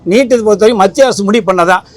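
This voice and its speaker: A high-voiced man leading a film association answers press questions at speed and with emphasis, rambling and saying things more than once.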